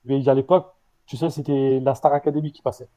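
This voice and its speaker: Man, founder guest, warm mellow tone, slight stutter, halting restarts. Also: medium pitch, steady tone, rough recording. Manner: halting, with restarts and repeated words. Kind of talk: casual interview answers.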